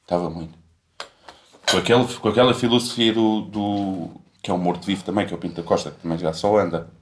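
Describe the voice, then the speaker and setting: A man's voice: deep voice, steady tone, fast, a little hiss or hum. A young man, chatting casually in a rambling, slangy way full of swearing. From Portugal. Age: young adult. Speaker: podcast co-host. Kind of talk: casual chat.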